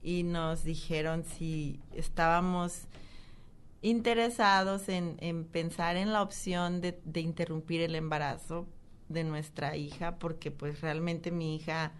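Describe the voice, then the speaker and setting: Lower-voiced woman telling a personal story. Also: steady tone, clear, resonant tone. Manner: emotional, halting storytelling. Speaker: interview guest. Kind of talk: personal testimony.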